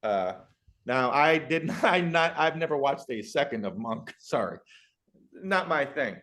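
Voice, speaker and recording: A man's voice: mid-range voice, lively intonation, a little slow, a bit bright. A man hosting a podcast, asking rambling, enthusiastic questions that keep interrupting themselves. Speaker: podcast host. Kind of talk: casual podcast chat.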